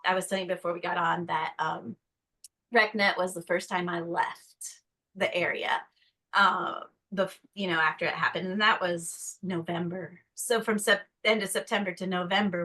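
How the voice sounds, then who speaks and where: A woman's voice: on the low side, fairly even intonation, normal speed, bright, forceful tone, poor audio. A woman guest from North Carolina in casual conversation, chatty, acting out quotes in a put-on voice. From North Carolina, USA.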